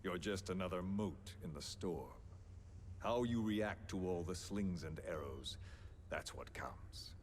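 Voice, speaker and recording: In dramatic video game voice acting, a menacing, philosophical villain with a very low voice coerces his captive. He speaks slowly and deliberately, sounding condescending, theatrical, smug, and persuasive, with faint noise behind him.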